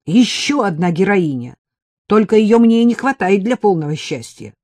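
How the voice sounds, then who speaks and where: A woman reading an audiobook, voicing a calm, stubborn young woman who answers patiently and curtly. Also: mid-range voice, normal speed, no echo, pitched above the performer's own voice. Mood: firm. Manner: patient, curt, firm.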